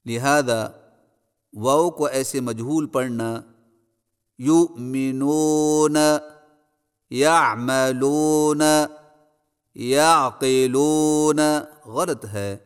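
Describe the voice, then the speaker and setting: A man teaching Quran pronunciation, explaining quickly and then drawing out each drill word slowly. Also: mid-range voice. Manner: brisk explanations, then slow drawn-out drills. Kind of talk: tajweed pronunciation lesson. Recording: long hall reverb.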